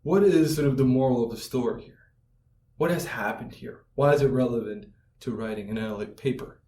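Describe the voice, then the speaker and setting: A man's voice: on the high side, dark tone. Man lecturing in an echoey room. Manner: explanatory, repeats "right?" to check in. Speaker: writing instructor. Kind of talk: lecture over slides. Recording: roomy echo, mic at a distance, faint music.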